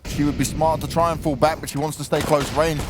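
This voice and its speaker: A man from London with a London accent, casting esports with quick reactive exclamations. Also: a little high, little pitch movement, background noise. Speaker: esports commentator. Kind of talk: casual commentary banter.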